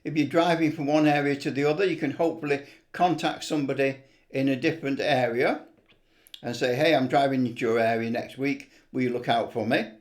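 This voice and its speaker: With a steady tone and a slightly quick pace, a medium-pitched man of middle age or older talks through his hobby video. His delivery is casual, enthusiastic, rambling and unscripted, typical vlog talk.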